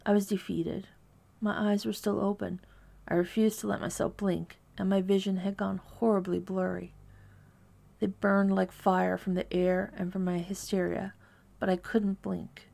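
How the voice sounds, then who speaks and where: A woman narrating a first-person horror story in a hushed, measured, dread-filled delivery. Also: mid-range voice, level tone, gravelly.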